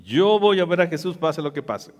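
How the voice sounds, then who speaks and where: Preacher acting out a blind beggar crying out. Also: male voice, on the high side, expressive, normal speed, long reverb tail, lightly acted. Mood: defiant. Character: blind male beggar, desperate and defiant.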